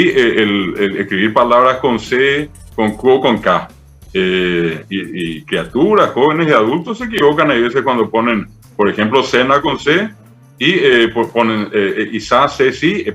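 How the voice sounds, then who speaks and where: Un hombre de mediana edad con acento paraguayo, profesor invitado que explica con paciencia y muchos "eh" y "¿verdad?". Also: male voice, medium pitch, expressive, unhurried, a bit bright, soft background music. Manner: patient, didactic, many fillers "eh" and "¿verdad?". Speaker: Guaraní language professor, guest. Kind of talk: explanatory interview talk.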